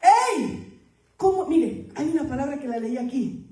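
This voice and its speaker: A woman pastor preaches to her congregation in a high, mellow voice. She calls out to the church, builds to emphatic peaks and drops to hushed asides. The sound is roomy, with her voice set a little back from the mic. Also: expressive, a little slow, distant mic. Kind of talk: sermon.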